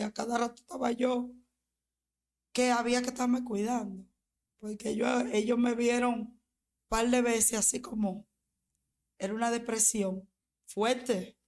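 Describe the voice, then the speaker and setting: A woman pastor giving an earnest personal testimony in a podcast interview, speaking in an unhurried storytelling way with long pauses. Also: on the high side, a little mellow.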